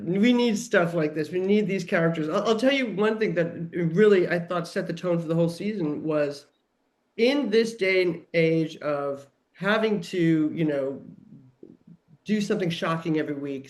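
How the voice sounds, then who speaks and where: A TV writer and producer guesting on a podcast chats casually, enthusiastic and emphatic, sprinkling "like" throughout. Her voice is fairly low and a little mellow, at a normal speed.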